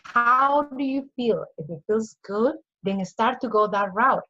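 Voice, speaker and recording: Her voice sits on the high side, bright and forceful, expressive yet a little slow. She's a Peruvian woman with a Peruvian Spanish accent, earnestly coaching as a guest in a casual interview, repeating phrases and acting out inner voices. The audio sounds dull.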